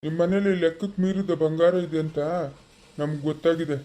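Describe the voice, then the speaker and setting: A woman's voice: deep voice, fairly even intonation, a little fast, warm tone, lightly acted. A woman playing a stern male police officer, curt and commanding.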